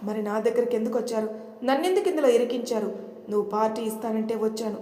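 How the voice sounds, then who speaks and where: A woman's voice: a little high, fast talker, mellow, natural voice. A woman voicing an anguished, righteous young married man in an audio story. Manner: emotional, pleading. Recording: echoey room with long reverb.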